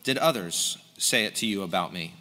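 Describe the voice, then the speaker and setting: A man reading the part of a calm, solemn prisoner who answers quietly. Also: deep voice, fairly quick, pitched below the performer's own voice. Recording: long hall reverb.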